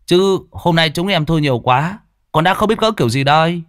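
A man's voice: on the high side, expressive, normal speed, a bit bright, no room sound, clean studio sound, pitched above the performer's own voice. A man doing a whiny young card player. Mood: whiny urging. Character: young male gambler, complaining loser.

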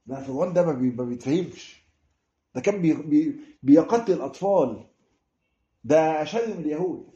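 Here a man preaches with passion in an Egyptian Arabic accent, his mellow voice sitting on the high side with lively intonation. He talks fairly quickly but leaves long pauses, building toward emphatic repetitions, and the sound is roomy, dull and lo-fi.

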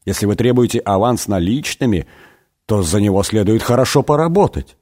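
A man's voice: lowish voice, lively intonation, fairly quick, dark tone. A man doing a whispering, sinister visitor. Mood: displeased. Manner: displeased whisper.

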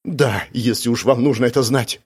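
A man's voice: mid-range voice, moderate pace, darkish tone, breathy edge, natural voice. A man doing a tearful, frightened young woman. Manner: pleading, breathless swearing.

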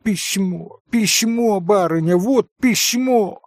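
A man voicing an excited young maidservant who exclaims gleefully and breathlessly. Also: high voice, takes it slowly, no echo, studio quality, pitched above the performer's own voice, exaggerated voice.

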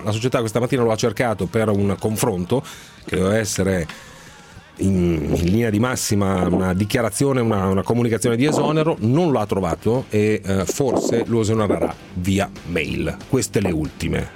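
Male sports radio host, lowish register, conversational, light music bed underneath. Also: normal speed, a little mellow.

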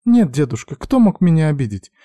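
A man voicing a shy, playful young red-haired girl with a high girlish voice, timid and sweet. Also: very animated, moderate pace, mellow, no echo. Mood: flustered.

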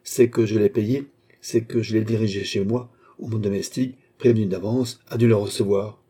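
An audiobook reader voicing a proud young chevalier who speaks in clipped, indignant lines while forcing himself to stay calm. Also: male voice, lowish voice, normal speed, husky. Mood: tense, indignant. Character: proud young chevalier, tense and barely controlled.

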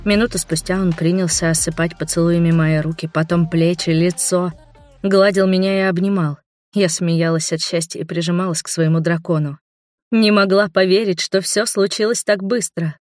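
An audiobook narrator reading a first-person fantasy romance in an even, expressive way. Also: mid-range voice, moderate pace, faint music behind.

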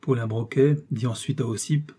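A man reads an audiobook in a measured, even way. His voice is dark and mellow, with a slightly husky grain. His pitch sits in an ordinary middle range. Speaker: audiobook narrator. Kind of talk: scripted audiobook narration.

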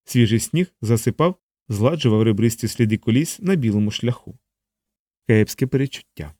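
Man narrating an audiobook, dark tone. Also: medium pitch, expressive, moderate pace, no room sound, studio quality. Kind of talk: scripted narration.

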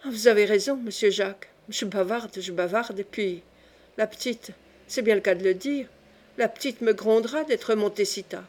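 A woman voicing a kindly older male shopkeeper who talks slowly and fumbles for his words, in an audiobook. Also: mid-range voice, a little mellow, lightly acted. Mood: fond.

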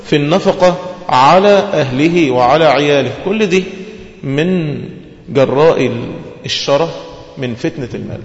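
A man with an Egyptian Arabic accent preaching a religious lesson, posing questions to his listeners and answering them himself. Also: on the high side. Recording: echoey hall, dull lo-fi sound.

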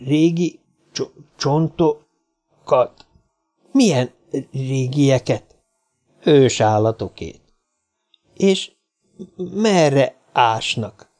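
A man reading aloud puts on a small, cheeky circus man with a raised, gravelly voice. He chatters freely and stammers when frightened. A storybook figure, sly but nervous. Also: on the high side, lively intonation, a little mellow, voice pushed up.

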